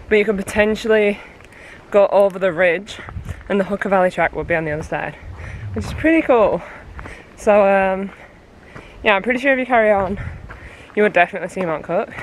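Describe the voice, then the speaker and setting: A woman's voice: medium pitch, slight background noise. A woman vlogging on a mountain hike, chatting casually and trailing off with fillers. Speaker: hiking vlogger. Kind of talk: casual vlog chat. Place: outdoors on a mountain track and in a backcountry hut.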